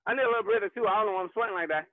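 High-voiced male boxing coach calling combos. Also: rapid-fire, no echo. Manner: informal, encouraging. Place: online group video class. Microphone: video call. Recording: tinny phone-like video-call audio.

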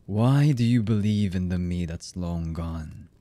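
A voice actor voices a cold, embittered villain in an ASMR roleplay, his husky, low voice menacing and warm in tone, with no room sound. His delivery is halting and often sinks to a murmur, carrying a bitter, agitated mood.

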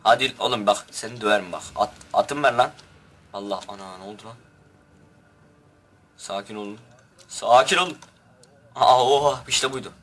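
A man's voice: medium pitch, brisk, a bit bright. A young man giving rowdy, crude commentary over his own gameplay and barking orders at his troops. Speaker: gaming youtuber.

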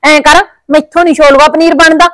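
A chatty, complaining village daughter-in-law, voiced by a woman. She talks fast and sits fairly high. The recording is dry and close. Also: fairly even intonation, fairly bright tone, no echo. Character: quick-tongued village wife and daughter-in-law, grumbling.

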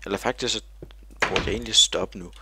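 A man's voice: on the low side, gravelly, very noisy. A man giving rambling, silly video game commentary, full of fillers and talking to himself. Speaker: gamer.

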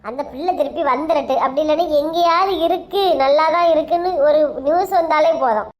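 Woman playing a shrill nagging mother. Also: brisk, lightly acted. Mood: worried. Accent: Kanyakumari Tamil. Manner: nagging, bickering, shouting insults. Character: sharp-tongued scolding middle-aged mother. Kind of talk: comic family skit.

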